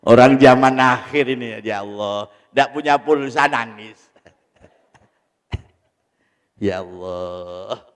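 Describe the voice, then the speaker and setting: A man's voice: mid-range voice, slow pace, long pauses. A man preaching a sermon in a mosque, telling a story and asking the audience rhetorical questions. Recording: echoey mosque hall.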